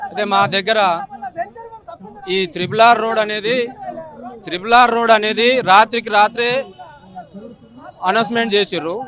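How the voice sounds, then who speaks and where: A man speaks out as a protesting farmer, indignant and accusing. His voice is very high and sharply bright. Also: steady tone, normal speed, long pauses. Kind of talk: protest statement to reporter.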